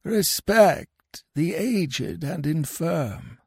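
A sanctimonious old crocodile, put on by a man, pitched higher and louder than the narration. He lingers slowly over each pious phrase, and his voice swoops up and down with gravelly rasp underneath. The sound is close and dry. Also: lively intonation, no room sound, exaggerated voice. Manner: gentle, preachy, drawn-out.

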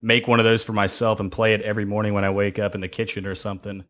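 A man's voice: fairly low pitch, level tone, very fast, a bit bright. A man hosting a podcast interview, chatting casually and with gushing enthusiasm. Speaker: podcast host.

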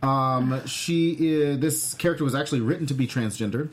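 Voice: medium pitch, moderate pace. A host leading a casual chat about a TV show, talking with lots of fillers and restarts. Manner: chatty, many fillers and restarts. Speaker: podcast host.

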